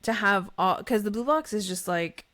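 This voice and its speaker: A woman's voice: mid-range voice, animated, normal speed, fairly bright tone. Woman, podcast co-host, casual chat, giggly, trails off mid-thought. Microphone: podcast microphone.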